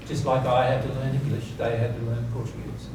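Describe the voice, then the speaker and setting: A man speaks fairly quickly in a mid-range voice with flat delivery, informally and emphatically teaching an audience about spiritual principles. Repeated key words and rhetorical questions help him confirm they follow. Sound comes from a distant mic in a reverberant, noisy seminar room.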